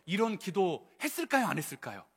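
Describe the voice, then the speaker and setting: A male pastor preaching with a high voice that swoops up and down. He keeps turning to the congregation with questions. His delivery stays lively and animated throughout. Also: fairly quick, husky. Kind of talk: sermon.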